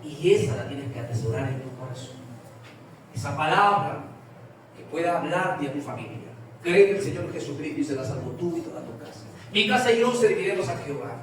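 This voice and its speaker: A man's voice: fairly high pitch, animated, brisk. A man preaching a sermon with passion, telling stories and acting out the dialogue, recorded from a distance in a large church hall. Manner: impassioned, storytelling with quoted dialogue. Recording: echoey distant hall sound with ambient noise.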